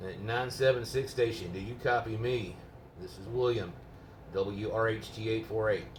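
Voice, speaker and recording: A man's voice: lowish voice, steady tone, moderate pace. A man talking casually indoors as a home radio operator, explaining things in a patient, rambling way. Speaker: amateur GMRS radio operator. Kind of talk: casual, unscripted radio chat. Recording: roomy, noisy, distant microphone.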